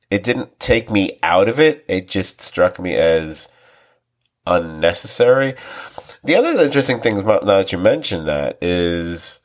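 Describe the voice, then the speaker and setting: A man co-hosting a TV review podcast, rambling casually with restarts, laughing often and acting out quoted lines. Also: sits low. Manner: acts out quoted lines with animated voices. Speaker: podcast co-host.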